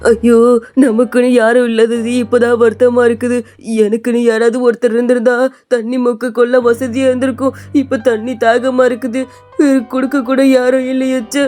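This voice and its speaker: A woman's voice: on the high side, flat delivery, moderate pace, dark tone, faint music behind, close to an everyday voice. A woman voicing a poor, injured, lonely male laborer in a cartoon story, talking in a plaintive, pained way. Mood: sorrowful.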